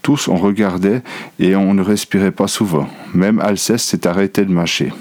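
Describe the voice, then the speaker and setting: A man's voice: deep voice, moderate pace, darkish tone, no echo. A man reading a children's story aloud, narrating in the first person as a schoolboy. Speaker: audiobook reader.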